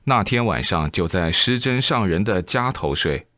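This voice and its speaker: Low-voiced man telling a Buddhist story. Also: normal speed, no echo, clean studio sound. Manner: lively storytelling, acts out quoted speech with raised pitch. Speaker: Buddhist dharma reader. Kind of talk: storytelling sermon reading.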